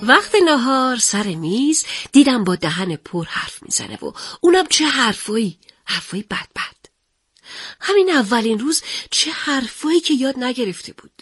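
A woman narrating a first-person story as a mother, expressive and confiding with her listeners. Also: fairly high pitch, husky.

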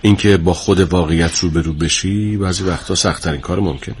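Drama role: an actor as a kindly therapist with a lowish, steady, reassuring voice. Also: male voice, a little hiss or hum, natural voice. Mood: calm. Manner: calm, soothing, reassuring. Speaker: clinic therapist. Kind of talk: TV drama acting.

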